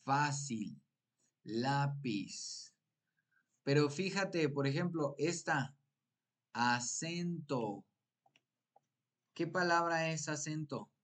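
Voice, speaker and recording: A man's voice: on the high side, slow. A man teaching a live-streamed exam prep lesson, explaining patiently and prompting viewers with repeated questions. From Mexico.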